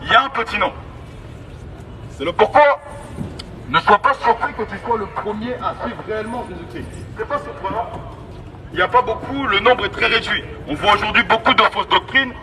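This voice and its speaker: Crowd noise mixes with street traffic in this distant, noisy megaphone recording of a man preaching outdoors in an urban street. His evangelistic sermon is emphatic, repetitive and exhorting, in a high voice at a moderate pace.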